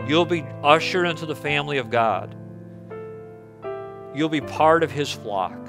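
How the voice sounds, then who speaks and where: A man's voice: fairly high pitch, lively intonation, unhurried, over music. A man preaching as pastor at a pulpit microphone, earnest and pleading, often repeating words as he leads a prayer in a church. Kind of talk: sermon and closing prayer. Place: church sanctuary.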